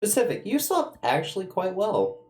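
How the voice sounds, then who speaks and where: A man running a tabletop game as game master, teasing and a bit halting. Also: high-pitched, huge pitch swings, darkish tone.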